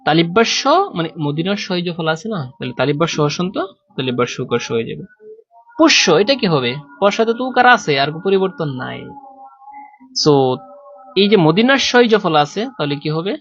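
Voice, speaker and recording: A man's voice: on the high side, lively intonation, moderate pace, fairly bright tone, faint music behind. A male teacher giving an online grammar lesson, often asking students whether they follow. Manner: drills students with repeated questions. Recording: dull lo-fi sound.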